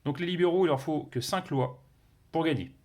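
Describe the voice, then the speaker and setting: A man's voice: on the high side, a little fast, darkish tone, slight background noise. A man reviewing a board game, explaining its rules casually with many fillers, restarts and playful sound words. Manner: hesitant, many fillers and self-corrections.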